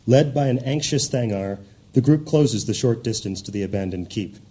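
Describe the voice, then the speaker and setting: A man's voice: medium pitch, animated, normal speed, warm tone, husky. A man narrating a scripted fantasy audio drama in a solemn, descriptive manner.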